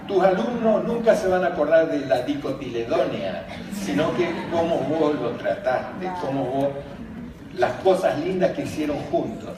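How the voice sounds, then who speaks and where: An older man with an Argentine Spanish accent gives a conference talk. He tells funny stories and laughs as he speaks. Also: fairly high pitch. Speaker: speaker on emotional education, former teacher. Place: large conference hall. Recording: very echoey hall, distant, background noise.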